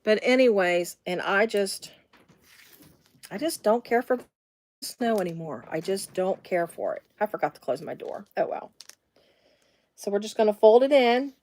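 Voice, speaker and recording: A middle-aged woman from the Midwestern US hosts a casual live sewing demonstration from her home sewing room, rambling into side stories with plenty of fillers. Her medium-pitched, darkish voice is animated and moderately paced, with frequent pauses and no echo.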